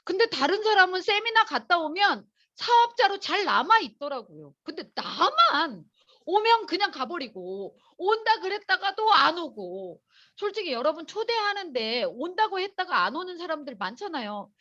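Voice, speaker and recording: A woman giving a lively motivational seminar lecture to a live audience, chatty and storytelling, talking straight to the crowd. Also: very high voice, moderate pace, highs cut off. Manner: animated, chatty storytelling, addresses the audience directly.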